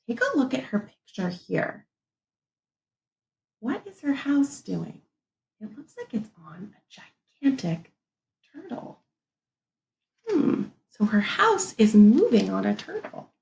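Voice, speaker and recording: A woman teacher, her voice on the high side with some vocal fry, reads a picture book to young kids. She is expressive and deliberate, pausing to think aloud, and the sound is roomy.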